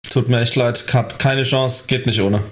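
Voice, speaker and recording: A man's voice: mid-range voice, fairly even intonation, moderate pace. A man chatting casually as a sports fan on a talk show panel.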